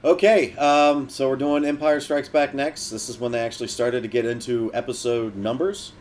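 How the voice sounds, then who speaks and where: Man, commentary host, chatty, hesitant, ordinary middle pitch. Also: steady tone, moderate pace, darkish tone. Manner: chatty, hesitant with many ums. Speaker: podcast host. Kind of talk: casual movie commentary.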